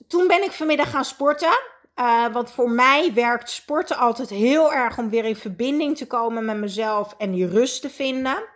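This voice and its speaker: A woman coach leads a live session in a fairly high voice. She speaks earnestly and reflectively, pausing often with hesitations. She talks directly to the viewers. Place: indoors at home.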